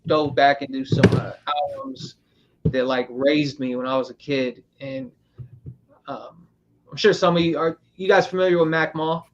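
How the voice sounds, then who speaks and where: A man's voice: a little high, wildly swooping pitch, moderate pace. Man, podcast host, from Northern California, loose and rambling, lo-fi audio. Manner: loose, rambling, filler-heavy. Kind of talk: casual roundtable chat.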